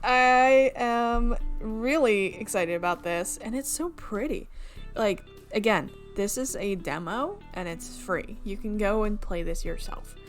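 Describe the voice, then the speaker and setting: An unhurried woman with a medium-pitched voice reads aloud the narration of a visual novel for her gaming video. Faint music plays behind her, and she regularly slips and corrects herself.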